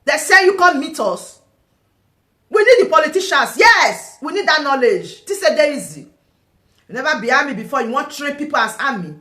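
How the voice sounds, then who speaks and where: A Nigerian woman with a bright, forceful voice, pitched a little high, delivering combative vlog commentary. She taunts and fires off rhetorical questions. Her voice bounces around an echoey room. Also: animated, normal speed. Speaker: online political commentator.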